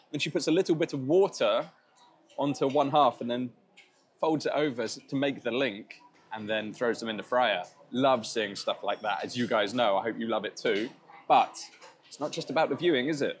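In a casual food vlog shot at a restaurant and bakery in Thailand, a man with a mid-range voice tastes and describes street food. He's chatty and enthusiastic, laughing at himself now and then, with slight background noise in the recording.

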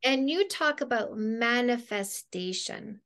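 A woman's voice: on the high side, lively intonation, slow. Effusive woman hosting a video call. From Canada. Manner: effusive, warm affirmations. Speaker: host, dating coach. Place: home living room.

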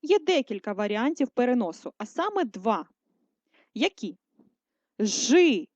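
Slow, lively woman dictating to children. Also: a little high, no echo. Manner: slow, clear dictation, syllable by syllable. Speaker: primary school teacher. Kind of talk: recorded video writing lesson for first graders. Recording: dry, dull lo-fi voice recording.

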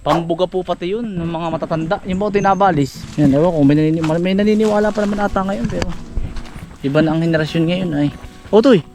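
High-voiced chatty man vlogging outdoors. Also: fast. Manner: chatty, keeps coaxing and cautioning a helper. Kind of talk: casual outdoor vlog narration. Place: outdoors in rural woodland.

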